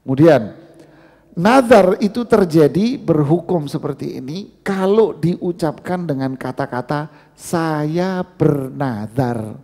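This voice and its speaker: Lively, gravelly preacher man in a mosque hall. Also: a little high, a little slow. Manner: conversational, addresses audience as "Pak", asks and answers questions. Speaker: Islamic preacher. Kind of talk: mosque study-circle lecture.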